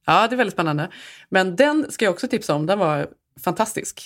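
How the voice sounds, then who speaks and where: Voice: mid-range voice, animated, fairly bright tone. A young adult podcast co-host in casual chat, enthusiastically recommending things.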